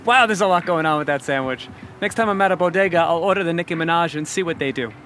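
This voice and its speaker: A man asking quick, upbeat rapid-fire questions as an interviewer. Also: on the high side, fairly bright tone, a little hiss or hum.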